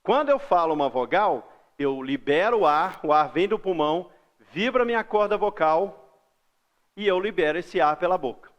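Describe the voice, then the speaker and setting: A man's voice: high-pitched, lively intonation, muffled recording. A man with a Brazilian accent teaching a recorded grammar lesson to schoolchildren, patiently stretching out example words. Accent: Brazilian Portuguese. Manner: patient, drawn-out example words, frequent "ó" and "beleza?".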